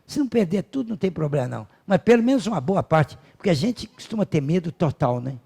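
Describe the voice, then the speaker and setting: A Brazilian-accented man giving a spiritist lecture in loose, chatty storytelling. His fairly high voice swings widely in pitch and carries a gravelly texture. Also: quick pace. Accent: Brazilian Portuguese. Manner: animated, colloquial storytelling with acted quotes.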